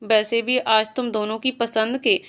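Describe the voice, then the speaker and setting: Middle-aged aunt, motherly, fondly scolding, fussing, as a woman narrator plays her, somewhat high pitch. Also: little pitch movement, measured pace, a bit bright.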